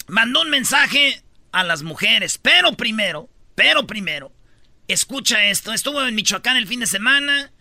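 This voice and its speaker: A man with a Mexican Spanish accent hosting a comedy podcast, telling joking stories and shouting out quotes in put-on high voices. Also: no echo. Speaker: podcast host. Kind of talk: joking storytelling chat.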